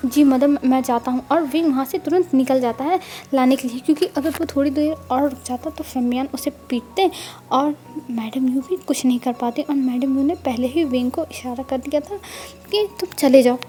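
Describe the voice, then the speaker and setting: A woman's voice: high voice, moderate pace, mellow. A woman retelling a romance story in a casual, conversational way, often restarting her sentences.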